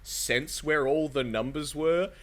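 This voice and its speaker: A man's voice: on the high side, slow. A man hosting a casual podcast, explaining game lore in a rambling, hedging way with many fillers. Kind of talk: casual chat.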